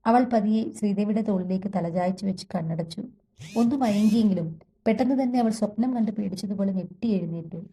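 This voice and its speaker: A woman reading a romance audio story aloud in measured, even scripted narration. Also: mid-range voice, poor audio.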